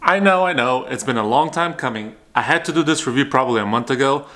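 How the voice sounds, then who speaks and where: A man in his thirties talks through a product review in his apartment, speaking at a middle pitch. He rambles casually, restarting sentences and filling pauses with "uh" and "like". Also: animated, fairly bright tone. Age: 30s. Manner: chatty, rambling with many fillers and restarts. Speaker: vlogger. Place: home apartment bedroom.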